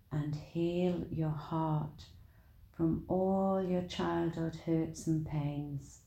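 A woman leading a guided meditation in a soothing, deliberate manner, with long pauses between short phrases. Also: deep voice, dark tone, echoey room, dull audio.

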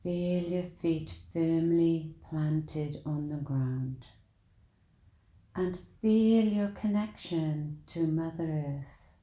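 A woman leading a guided meditation in a soothing, deliberate manner, with long pauses between short phrases. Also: sits low, dark tone, roomy sound.

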